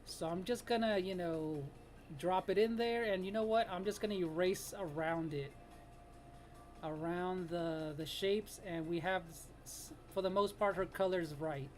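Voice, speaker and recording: A live-stream artist host in their late thirties chats casually with viewers while drawing live. The voice is mid-range and the pace measured, with frequent laughter and greetings to people by name.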